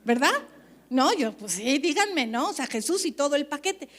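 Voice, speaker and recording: A woman pastor, preaching at a leaders' conference in an animated, chatty way, often checking that the audience agrees. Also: high-pitched, moderate pace.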